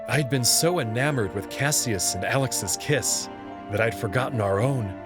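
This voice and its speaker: A man at a medium pitch reads a visual novel, giving a measured, scripted narration in the first person. Music plays prominently behind him.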